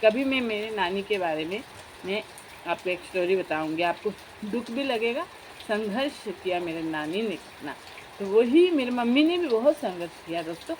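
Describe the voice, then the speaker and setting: A woman's voice: mid-range voice, slight background noise, low-quality recording. A young woman vlogger in casual chat, talking straight to her viewers as friends in a chatty, confiding way.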